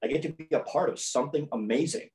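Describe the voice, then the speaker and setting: A man's voice: on the high side, fast talker, darkish tone, rough recording. A man who is a podcast guest and sales coach, making his points emphatically in a conversational interview and often repeating phrases for effect.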